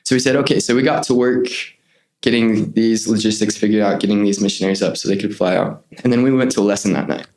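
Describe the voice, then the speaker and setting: On an interview podcast, a young male guest with a lowish voice and quick pace relates a missionary-service story. He's earnest and animated, acting out what others said.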